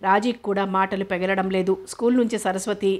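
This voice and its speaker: A woman narrating a novel as an audiobook, in a steady, even storytelling manner. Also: medium pitch, fairly quick.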